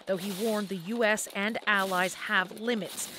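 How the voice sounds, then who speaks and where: A woman's voice: mid-range voice, steady tone, measured pace. A woman narrating a scripted television news report as a correspondent. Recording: crowd and ambient noise behind voice-over.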